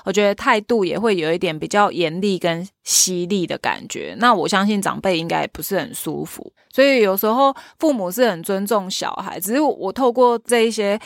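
Brief: Taiwanese-accented woman, troupe leader, gravelly fry in her voice, lively anecdote-teller, dry close mic. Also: medium pitch, a little fast, hardly any pauses, no echo. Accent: Taiwanese Mandarin. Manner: chatty, animated retelling with quoted dialogue. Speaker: guest, leader of a children's theater troupe. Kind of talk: casual interview talk, storytelling.

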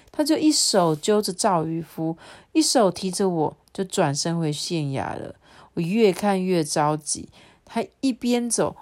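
A woman's voice: lowish voice, a little mellow. A woman reading a children's storybook aloud expressively and chatting about it with a child.

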